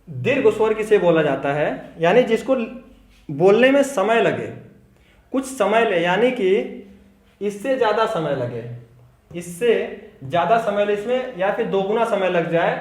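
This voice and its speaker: A high-pitched, expressive man teaches Hindi grammar in a classroom, asking his students questions only to answer them on his own. Key terms get slow repetition, and the room echoes.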